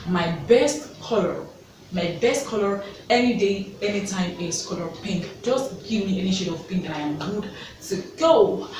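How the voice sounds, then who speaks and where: A woman's voice: medium pitch, heavy reverb, distant mic, background noise. A Nigerian woman in her thirties, chatting casually to her viewers in a get-to-know-me vlog and repeating words for emphasis. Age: 30s. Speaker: vlogger.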